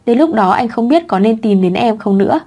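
A woman's voice: on the high side, animated, brisk, dark tone. Woman reading as a playful clingy young husband. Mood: teasing.

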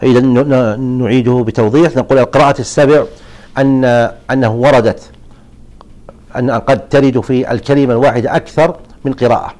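A man who is an Islamic scholar, answering listeners' religious questions in a measured, explanatory lesson with frequent restarts. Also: medium pitch, fairly even intonation, a little mellow.

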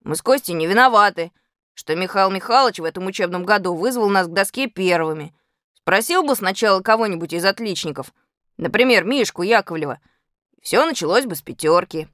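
A woman's voice: medium pitch, animated, brisk, a bit bright, no echo, studio quality, close to an everyday voice. Lady doing a mouthy schoolboy from a storybook, talks back, voice goes up and down a lot. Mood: cheeky. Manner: cheeky, defiant. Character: cheeky underachieving schoolboy talking back.

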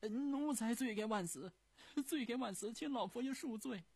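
A man voicing a sly, fawning male eunuch servant at an imperial court, wheedling and shrill. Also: normal speed, darkish tone, slightly rough, no room sound, heavily acted. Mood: pleading.

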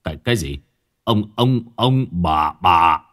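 A shocked older village father stammers and trips over his words in a low, halting voice, as a male storyteller plays him. His pitch lurches up and down as he repeats himself. It sounds like an audio storybook. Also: huge pitch swings, slightly rough, full character voice. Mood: stunned.

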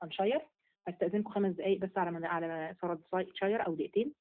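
A woman's voice: fairly low pitch, very fast, narrow, tinny audio. A woman teaching a Quran study lesson in Egyptian Arabic, asking and answering her own questions as she goes. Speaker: religious teacher.

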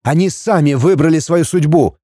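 A man reading a storybook and voicing a hot-tempered middle-aged prince, a father who blusters and shouts at his son. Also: fairly high pitch, moderate pace, dry recording, clean studio sound, pitched above the performer's own voice, natural voice. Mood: coaxing, dismayed. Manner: blustering, shouting, then coaxing.

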